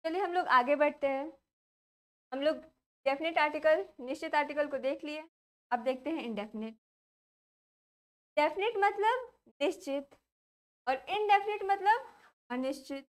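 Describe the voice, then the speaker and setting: A young woman with an Indian accent teaches a grammar lesson in a high, clear voice. She keeps asking her class questions and then answers them herself, repeating each key point. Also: moderate pace, pauses often.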